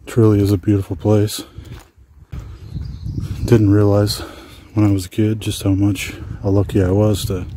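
An adventure vlogger from Washington State, USA, gives casual hiking commentary as he walks along abandoned railway tracks outdoors. His voice is low and relaxed, rambling at a moderate pace with long pauses and frequent "uh" fillers. There's slight background noise.

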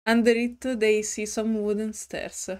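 Woman streamer, slow and giggly, mid-pitched game reading. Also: little pitch movement, darkish tone, slight background noise. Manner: slow, giggly and hesitant, with restarts. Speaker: gaming streamer. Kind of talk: reading a story game aloud with commentary.

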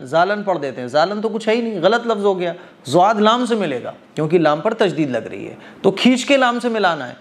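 Patient man teaching Quran recitation. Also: fairly high pitch. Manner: explains step by step, often checks understanding; chants verses slowly with drawn-out vowels. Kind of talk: tajweed lesson.

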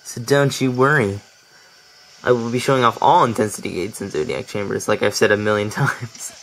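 Faint game music plays behind a young let's play commentator whose lowish, fairly bright voice moves at normal speed. Chatty and laughing often, he trips over his words casually, captured on a rough recording.

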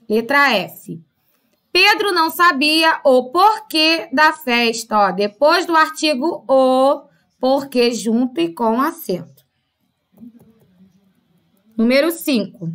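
A woman teaching young pupils, with a high, bright voice. She goes through each point slowly and patiently, checking in with the class as she goes. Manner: patient, explains step by step with frequent "tá?" and "né?" check-ins. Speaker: primary school teacher. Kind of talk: classroom lesson explanation.

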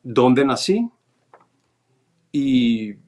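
A man's voice: medium pitch, very animated, drawn-out words, darkish tone. A man from Venezuela, recounting events step by step in casual conversation. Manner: recounts events step by step, reading notes aloud. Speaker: interview guest. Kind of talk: casual storytelling.

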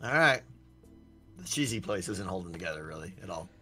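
Man, very animated pitch, bright tone, teasing co-op gameplay chat, faint music behind. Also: brisk. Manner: excitable, teasing. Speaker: co-op gaming partner.

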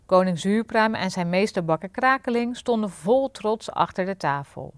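A woman's voice: mid-range voice, moderate pace, no room sound. Woman reading a fairy tale aloud. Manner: clear, lively storybook narration. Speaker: storyteller.

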